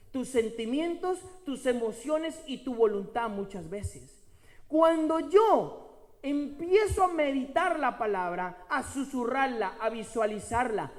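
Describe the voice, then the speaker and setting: A man preaching a sermon, slowing down and stretching key words for emphasis and repeating phrases. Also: very high-pitched, big-room sound.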